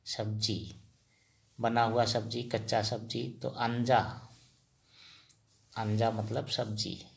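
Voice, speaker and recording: A man teaching vocabulary slowly, repeating each word and quizzing his listeners. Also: mid-range voice, flat delivery, gravelly. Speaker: language teacher. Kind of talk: slow spoken vocabulary lesson.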